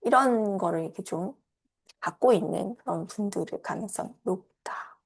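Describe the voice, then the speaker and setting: A woman's voice: moderate pace, gravelly, husky. A woman life coach talking casually about why people fail to keep plans, now and then acting out scolding voices. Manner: acts out scolding and inner voices in a raised pitch. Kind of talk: casual explanatory talk.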